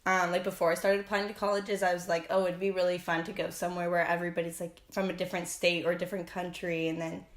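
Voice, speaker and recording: A young woman hosting a podcast in casual chat, with vocal fry, saying "like" often and laughing a lot. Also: fairly low pitch, little pitch movement, quick pace, hardly any pauses, reverberant. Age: young adult. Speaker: podcast host.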